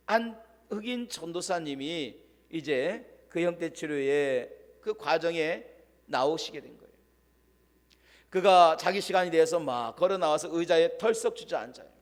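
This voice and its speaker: High-voiced pastor telling a story in a reverberant church. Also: male voice. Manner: dramatic storyteller, drops to hushed voice for quoted lines. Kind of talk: sermon storytelling. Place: church sanctuary. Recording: long church-hall reverb.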